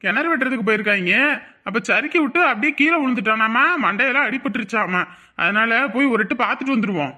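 A man's voice: extremely high pitch, lively intonation, quick pace, pushed and bright, full character voice. A man playing an earnest village father. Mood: worried. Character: middle-aged village father, caring elder. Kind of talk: family drama acting.

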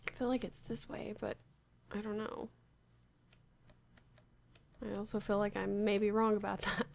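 A woman at middle pitch with a gravelly edge to her voice mutters her way through a casual game session. She sounds unsure and wry, half talking to herself as she plays. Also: flat delivery, normal speed, slight background noise. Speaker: Minecraft player. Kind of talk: casual gameplay commentary.

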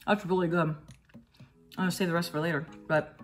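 A woman chats through a casual food taste test with her mouth full, chewing while talking. She reacts aloud to each bite. Soft music plays faintly behind her. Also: on the low side, steady tone, brisk. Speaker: vlogger.

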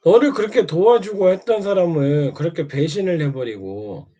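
A man's voice: on the high side, lively intonation, moderate pace, mellow. A man taunting and scolding another streamer in a mocking monologue, prodding again and again with short questions. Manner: needling, keeps prodding with "eh?". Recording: dull lo-fi sound.

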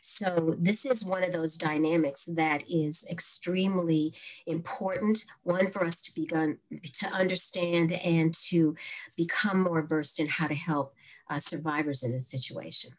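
Low-voiced woman, measured expert. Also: fairly even intonation, poor audio. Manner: measured, explanatory, with "uh" pauses. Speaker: panelist, expert on victims. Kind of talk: panel discussion.

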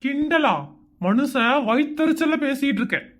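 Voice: sits high, natural voice. A voice actor doing an exasperated sarcastic husband. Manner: grumbling, sarcastic, quick complaints. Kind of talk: Tamil cartoon voice acting.

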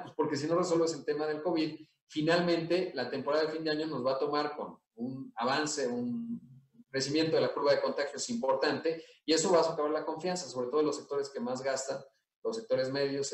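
A middle-aged man with a Mexican accent gives an analytical conference talk over a video call, full of fillers and asides. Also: medium pitch. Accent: Mexican Spanish. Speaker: conference speaker. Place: indoor room. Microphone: webcam on video call. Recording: echoey room, mic at a distance.

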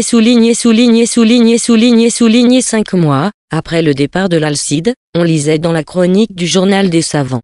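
Brief: steady audiobook narrator for a classic tale, mid-pitched, dry close recording. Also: dry recording. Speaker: audiobook reader.

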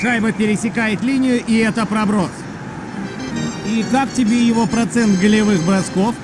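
A man doing play-by-play hockey commentary for a sports video game, calling shots and goals excitedly in clipped phrases. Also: high voice, normal speed, over music.

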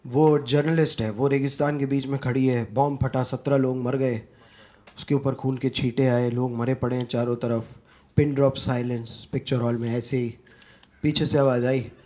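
A young man from Uttar Pradesh doing an animated stand-up comedy set, switching between Hindi and English and acting out the people in his stories, on a comedy club stage with a handheld mic. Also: mid-range voice, normal speed. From Uttar Pradesh, India. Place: comedy club stage before a live audience. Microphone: handheld corded mic. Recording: live club recording with audible crowd noise. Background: audience laughter.

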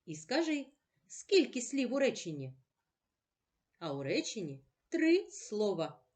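A woman teacher giving a slow, patient reading lesson for children, asking questions and answering them herself. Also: on the high side, sing-song, darkish tone. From Ukraine.

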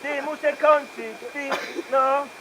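A man's voice: very high-pitched, fairly even intonation, slow pace, noisy background. A man playing a gossipy, crude woman on the phone in a live comic monologue, rambling with fillers and punning jokes. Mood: gossiping. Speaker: comedian. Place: bachelor party.

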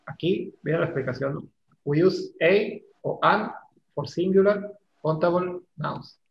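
Male teacher, fairly high gravelly voice, casual and teasing, echoey lo-fi room recording. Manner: casual, teasing, explains step by step. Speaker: English teacher. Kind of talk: online class lecture. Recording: echoey room, dull lo-fi sound, faint noise.

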